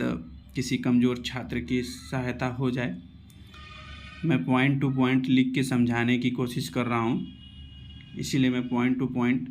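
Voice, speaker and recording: A man hosting his own channel, teaching an accounting lesson point by point and often pausing to check that students follow. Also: mid-range voice, slight background noise. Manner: even, repetitive teacher's delivery with frequent "theek hai" checks. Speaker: accounting tutor, channel host. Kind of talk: explanatory lesson while writing points.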